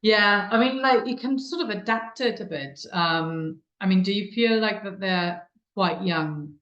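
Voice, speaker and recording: A woman giving a conversational webinar talk on child development, animated and full of fillers, slipping into acted-out quotes. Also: medium pitch, a little slow, muffled recording. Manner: animated, uses many fillers, acts out quotes. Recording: echoey room.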